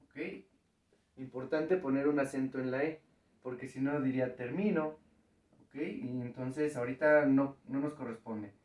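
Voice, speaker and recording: Recorded off-mic in an echoey room, a man speaks with a mid-range, steady, darkish voice at normal speed. Working at the board through a math lesson, he patiently goes step by step and checks in with his students.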